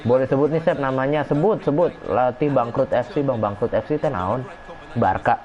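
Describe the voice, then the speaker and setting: A man's voice: medium pitch, normal speed. A man streaming a football video game, reacting to plays and chatting with viewers as he reads comments. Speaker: gaming streamer. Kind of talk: casual live game commentary. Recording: dull lo-fi stream audio, faint noise.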